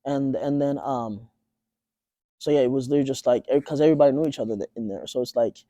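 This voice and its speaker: A young man from Tanzania talks as an interview guest, easygoing and halting, often restarting his sentences. His voice is dark and mellow at an average pitch. The sound is dry and close. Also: no room sound. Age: 20s. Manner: relaxed, halting, with many fillers and restarts. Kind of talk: casual interview.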